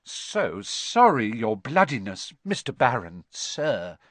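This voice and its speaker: High, sly poltergeist. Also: male voice, big pitch swings, a little slow, bright, forceful tone, dry recording, heavily acted. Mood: fawning. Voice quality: high-pitched, sing-song. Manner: teasing rhymes, then fawning. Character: wicked, mischievous poltergeist, greasily servile when fooled.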